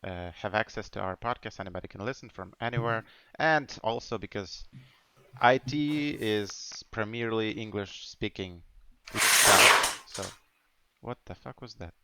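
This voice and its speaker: A man's voice: fairly low pitch, measured pace, background noise. A man in his twenties from Ukraine, in English, hosting a casual podcast chat. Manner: chatty, nonnative English with restarts. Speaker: podcast host.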